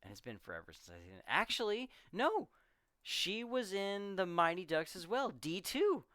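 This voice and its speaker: A man's voice: high voice, very animated, moderate pace, bright, forceful tone, no echo, clean studio sound. A man on a podcast casually retelling a film's scenes, rambling and quoting characters as he goes. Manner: rambling, retells scenes with quoted voices and laughs. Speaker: podcast co-host. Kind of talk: casual movie discussion.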